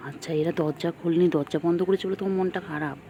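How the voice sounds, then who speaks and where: A woman at home soothes her sulking cat in gentle, coaxing baby talk. Her voice has a gravelly, creaky edge, and faint background noise sits under the recording. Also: on the low side, steady tone, very fast. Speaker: pet owner.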